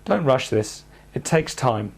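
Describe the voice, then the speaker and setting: A man calmly guiding listeners through speech therapy exercises in a measured instructional narration. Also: medium pitch, gravelly. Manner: calm, measured, step-by-step coaching.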